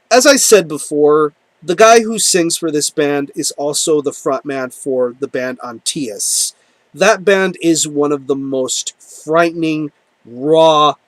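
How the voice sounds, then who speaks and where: A man's voice: a little high, no room sound. A man reviewing an album in a casual, enthusiastic monologue, full of ums and repeated words. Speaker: music reviewer.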